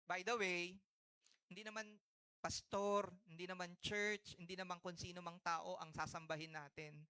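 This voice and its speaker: A man's voice: sits high, little pitch movement, moderate pace, bright, forceful tone, smooth. A man in his thirties with a Filipino accent, preaching a sermon to a church congregation. He mixes Tagalog with English and keeps calling on the congregation to answer back. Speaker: pastor. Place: church sanctuary.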